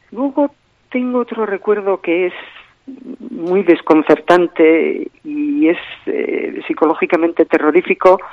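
A woman's voice: lowish voice, dry recording. Woman, radio phone-in guest, earnest, emphatic, tinny phone line, dry sound. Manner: earnest, emphatic, repeats key phrases. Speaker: spokesperson for terrorism victims' group. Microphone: telephone.

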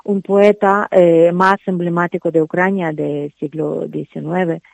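A woman's voice: lowish voice, steady tone, measured pace, creaky, darkish tone, no room sound, low-quality recording. A woman from Ukraine, a native Ukrainian speaker with a Ukrainian accent, answering as a radio interview guest, hesitant with many fillers and restarts.

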